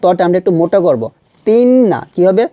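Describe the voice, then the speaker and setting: A man teaching Quran reading step by step. He repeats syllables slowly to show how they are pronounced, and he asks questions and answers them himself. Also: high voice, animated, dark tone, no echo, highs cut off. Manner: patient, repeats sounds and syllables slowly to demonstrate pronunciation. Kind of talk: step-by-step recitation lesson.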